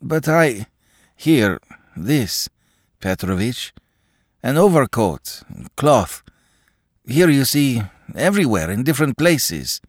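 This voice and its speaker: A man voicing a timid middle-aged male clerk who pleads in halting, broken phrases. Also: mid-range voice, very animated, no echo, studio quality, pitched above the performer's own voice. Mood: pleading, flustered.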